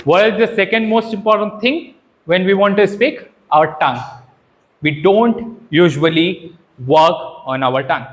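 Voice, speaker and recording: Teaching public speaking in an interactive workshop, this trainer has a high voice and takes his time. His style is animated and instructive, with frequent questions and check-ins.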